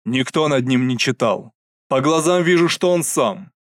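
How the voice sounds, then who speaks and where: A man voicing a stern, grey-browed old father who growls and shouts. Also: medium pitch, expressive, normal speed, no room sound, studio quality, lightly acted.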